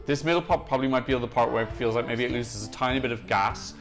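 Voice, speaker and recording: A man's voice: medium pitch, fast. A young man hosting a music reaction channel, chatting enthusiastically and gushing in casual analysis. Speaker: Eurovision reaction channel host.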